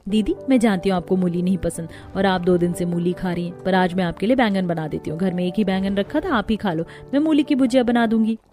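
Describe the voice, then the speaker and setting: A woman voicing a patient young daughter-in-law in a cartoon, speaking softly and pleadingly. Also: medium pitch, quick pace, hardly any pauses, soft background music, close to an everyday voice. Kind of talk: cartoon voice acting.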